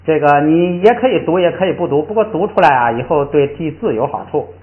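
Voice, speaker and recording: An older male teacher explains pronunciation with a lively, swooping voice that rises and falls as he acts out each tone. He sits a little high for a man. The sound is thin and phone-like, with a noticeable room echo around him. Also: fast talker. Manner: demonstrates tones by drawing out and repeating syllables. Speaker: Tibetan language teacher. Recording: tinny, echoey room sound.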